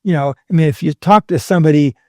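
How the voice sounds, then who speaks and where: A man with a slightly higher voice than most, talking as a historian guest in a loose, conversational lecture. He explains patiently and drops wry little jokes along the way. The sound is dry and close, with no room around it. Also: quick pace, dry recording. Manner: explanatory, with wry humorous asides.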